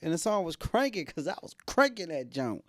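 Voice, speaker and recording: A man's voice: a little high, big pitch swings, a little fast, no room sound, studio quality. A man hosting a podcast, chatting casually and rambling, laughing often as he talks. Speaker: podcast host. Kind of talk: casual interview chat.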